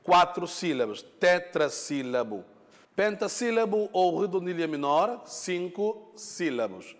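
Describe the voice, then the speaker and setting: A man's voice: sits high, sing-song, slow, long reverb tail. A male teacher giving a lesson, explaining patiently, repeating points, and checking in with his students. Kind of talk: classroom lesson.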